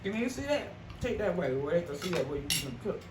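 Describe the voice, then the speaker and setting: A man's voice: sits high, big pitch swings, fast. Man, casual food chat, chewing while talking, roomy echo, noticeable background noise. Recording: echoey, noisy, distant mic.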